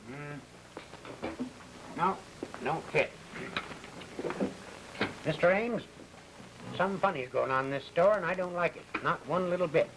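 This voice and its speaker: Indignant, higher-voiced fussy bookkeeper. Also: male voice, a little slow, pauses often, background noise. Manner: folksy ungrammatical, grumbling. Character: indignant, fussy store bookkeeper, blunt and suspicious. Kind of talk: 1950s TV drama character acting.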